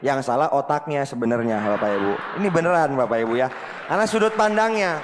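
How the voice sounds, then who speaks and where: Animated man speaking in a reverberant hall. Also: medium pitch, quick pace, crowd noise, noisy background. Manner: animated, addresses the audience again and again, acts out quoted dialogue. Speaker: seminar speaker. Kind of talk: motivational storytelling talk to an audience. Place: seminar hall with audience.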